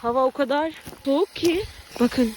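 A woman's voice: high-pitched, moderate pace. A woman hosting a casual vlog of a group outing, chatting and putting questions to her friends. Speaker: vlog host filming a motorcycle group outing. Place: outdoors at a group outing, later a cafe. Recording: noisy outdoor group chatter.

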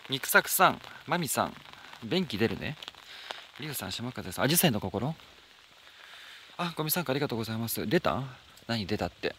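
A man chats casually on a live stream, reading out and thanking viewer comments as he goes. His pitch swings widely, and he breaks into soft, high squeals. He is outdoors at night in the rain, speaking into a handheld phone. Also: a little hiss or hum.

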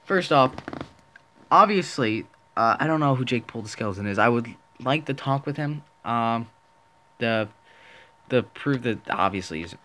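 A man's voice: medium pitch, animated, normal speed, bright, forceful tone, a little hiss or hum. A man making a casual commentary video, rambling and indignant, often restarting his sentences. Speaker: small online video creator.

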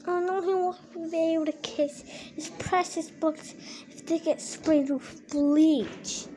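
A woman voicing a sly, smug male animatronic fox who plots pranks in a homemade toy skit, muttering low and sneaky. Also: steady tone, slow, dark tone, faint music behind. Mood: scheming.

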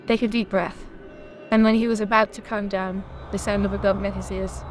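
A woman tells a scripted horror story in a steady, measured way. Her voice sits at an ordinary middle pitch. Soft music plays quietly underneath. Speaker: narrator.

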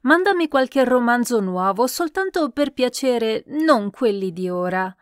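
A fussy, imperious elderly countess scolding her household, put on by a woman reading the story aloud. Her voice climbs and gets louder with each command, sharp and peevish. The recording is dry and close. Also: a little high, animated, takes it slowly, no room sound.

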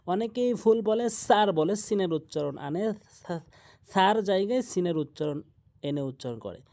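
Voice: medium pitch, animated, normal speed, dark tone. Quran recitation teacher, spells out and repeats syllables, warns of errors, plugs the channel. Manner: spells out letters and vowel marks, repeating each syllable; warns of common mistakes, urges likes and subscribing. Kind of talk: tajweed lesson.

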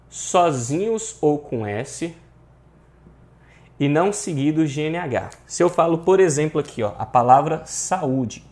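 A man's voice: medium pitch, darkish tone. Man, Brazilian Portuguese accent, online grammar teacher, emphatic, repeats rules. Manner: addresses viewers often, repeats rules emphatically. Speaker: exam prep teacher. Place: online class.

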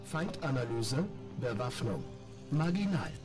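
A glitching, broken robot. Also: male voice, mid-range voice, measured pace. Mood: mechanical. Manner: clipped, flat machine reports in single words. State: glitching, malfunctioning. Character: damaged male robot companion reporting system errors. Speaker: game character. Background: game music.

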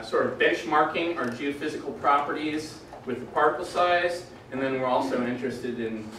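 A man's voice: mid-range voice, recorded from a distance, a little hiss or hum. Man presenting in an echoey lecture room. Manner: relaxed, with dry jokes and frequent "uh" fillers. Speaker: doctoral candidate presenting his defense. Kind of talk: academic presentation.

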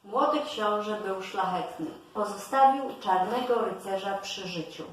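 A woman reads a fairy tale aloud at an unhurried, careful pace, like a storybook narrator. Her voice comes from some distance off in a very echoey room. A faint hiss sits underneath. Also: medium pitch. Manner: slow, deliberate storytelling delivery.

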